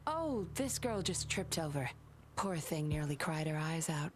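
Yinlin, a sly puppeteer. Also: female voice, sits low, very animated, unhurried, background noise. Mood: smooth deflecting. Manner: smooth, teasing, in control. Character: sly composed young woman puppeteer. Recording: game audio with music behind.

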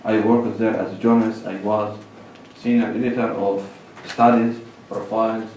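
A middle-aged Lebanese-accented man presents a measured academic talk at a lectern, listing points one at a time with pauses. His voice sits a little low, is a little mellow, and has little pitch movement. A lectern microphone and far camera record him from across a large lecture hall, with heavy echo and faint room noise.

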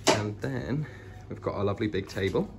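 An animated, gravelly voice on the low side belongs to a British vlogger giving an informal, enthusiastic house tour, walking between rooms of an old house at normal speed. The indoor handheld recording carries a lot of noise.

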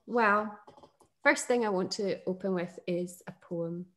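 A woman's voice: mid-range voice, measured pace. Enthusiastic Northern English woman host. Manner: thoughtful, enthusiastic, with fillers and soft laughs. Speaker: podcast host. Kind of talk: casual conversation about poetry.

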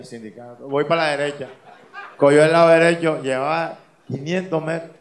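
A man from Colombia with a Caribbean coast accent, telling stand-up jokes and jumping into loud character voices and sound effects. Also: on the high side, echoey room. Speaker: stand-up comedian.

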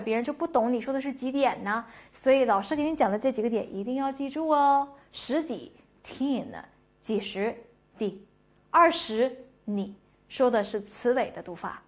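A woman teaching English to Chinese-speaking learners, explaining step by step and drilling model phrases with clear, emphatic repetition. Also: on the high side. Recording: dull lo-fi audio.

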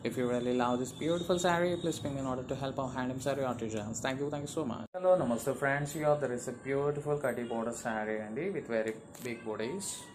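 A man with an Indian accent presents goods in an informal sales showcase. His voice sits at a medium pitch, and his patter is effusive and repetitive. The phone recording carries clearly audible noise behind him. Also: fast talker, few pauses. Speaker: saree seller presenting products.

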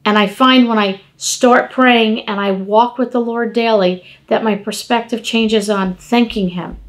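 Lively middle-aged lady preaching from her dining room, kinda high voice, talks with her hands. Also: measured pace. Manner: animated, gesturing, conversational preaching. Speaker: devotional podcast host. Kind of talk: informal devotional talk. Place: home dining room, indoors.

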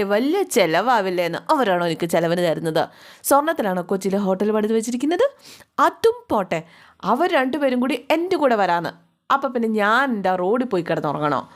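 A woman's voice: on the high side, close to an everyday voice. A woman doing an indignant young wife. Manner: complaining, indignant. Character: short-tempered young wife, sharp and indignant.

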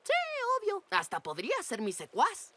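A woman voicing an excitable, bragging and slightly whiny boy hero in a cartoon, in Latin American Spanish. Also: mid-range voice, normal speed, a little hiss or hum. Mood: cocky. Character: cocky, excitable ten-year-old boy hero. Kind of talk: cartoon dub acting.

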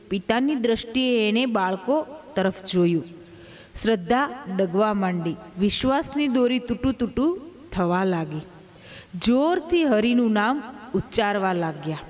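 A woman reading a devotional story aloud in a measured, expressive narrating style. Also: fairly high pitch.

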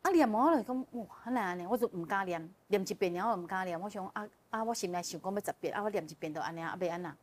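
A woman as a guest telling a personal story in casual chat, animated and often laughing as she relives the emotion. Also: fairly low pitch, very fast, hardly any pauses. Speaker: guest sharing a personal testimony.

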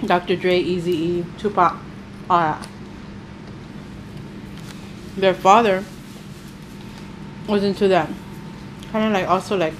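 A middle-aged woman tells stories in a relaxed, plain-spoken way while eating, her words muffled by a mouth full of food. Her voice sits at an ordinary pitch for a woman. A faint background noise runs under the recording. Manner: chatty, storytelling, plain-spoken. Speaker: mother and show host. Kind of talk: casual chat while eating.

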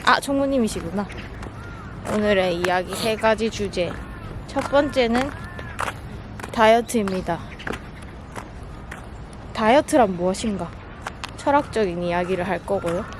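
A woman's voice: medium pitch, animated, unhurried, long pauses. A woman vlogging casually about running, chatting informally with grumbling asides between her announcements. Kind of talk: casual running vlog chat. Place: outdoors in town and at sports grounds. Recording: noisy outdoor recording with crowd and traffic.

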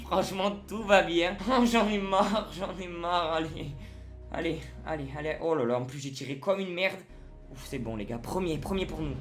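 A man giving excited live commentary on his own football video game match at home, swinging between loud shouts and low muttering. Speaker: gaming YouTuber. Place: at home alone.

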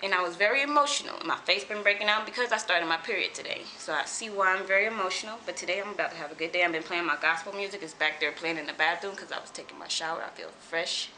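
Animated young woman vlogging at home. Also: on the low side, fast, few pauses, a little hiss or hum, low-quality recording. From California. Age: 20s. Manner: animated, swears freely, repeats herself. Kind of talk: casual vlog rant.

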